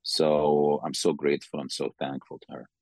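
A man in his forties with a Sudanese accent, answering interview questions in a halting, careful way and often repeating words. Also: rumbling low, little pitch movement, a little mellow, dry recording. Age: 40s. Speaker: interview guest. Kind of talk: conversational interview.

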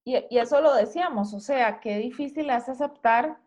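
Emphatic woman host, slightly high voice. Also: normal speed, a little mellow. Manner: reflective, emphatic, uses many rhetorical questions. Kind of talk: casual chat.

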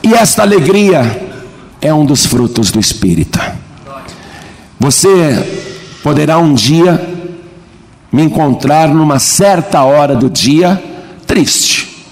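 A man from Brazil preaching a sermon as pastor, questioning his congregation directly and building to emphatic shouts. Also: a little high, animated, slow pace, pauses often, slight background noise. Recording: long church reverb.

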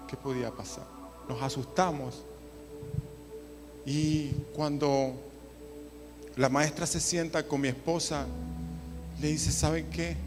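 A man preaching a sermon, moving from hushed storytelling to loud impassioned preaching. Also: a little high. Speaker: pastor.

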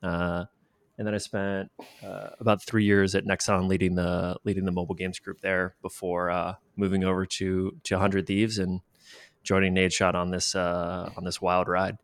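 A man's voice: low voice, completely flat delivery, normal speed, dry recording. A man speaking casually as a guest in an interview about his work. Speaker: interview guest, games executive.

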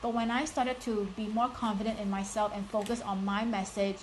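A mid-range, flat delivery at a fairly quick clip marks this woman in her thirties with a strong Singaporean accent. In a live motivational talk, the life coach addresses her viewers directly and encouragingly, leaning on "like" and "you know." The audio is poor with slight background noise.

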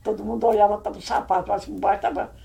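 A woman's voice: mid-range voice, steady tone, very fast, gravelly, dark tone, low-quality recording. An older woman with a Brazilian accent telling old family stories in a rambling, vivid way. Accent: Brazilian Portuguese. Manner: rambling, vivid, re-enacts scenes with exclamations. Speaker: family elder recalling old times. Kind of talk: casual oral storytelling.

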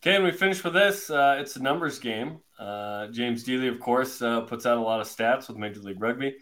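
An upbeat man hosts a sports podcast, running through numbers with easy fillers. His pitch sits in a middle range for a man. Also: fairly quick, a bit bright. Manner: upbeat, reads stats with fillers. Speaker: podcast host.

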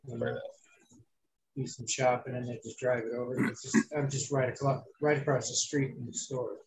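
A man talks casually in a gravelly, scratchy voice that sounds sore in the throat. His pitch sits in the middle. He explains things in a plain, matter-of-fact way. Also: fairly even intonation, normal speed. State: bruised, inflamed throat after surgery. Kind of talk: casual chat.

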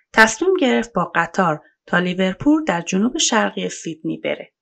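A woman narrating a true-crime story in a colloquial, measured storytelling voice, as a podcast narrator. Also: medium pitch, vocal fry, fairly bright tone.

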